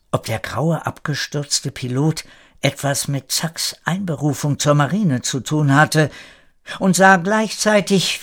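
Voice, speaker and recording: A man narrating a story in a calm, measured storytelling manner. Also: medium pitch. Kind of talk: scripted audiobook narration.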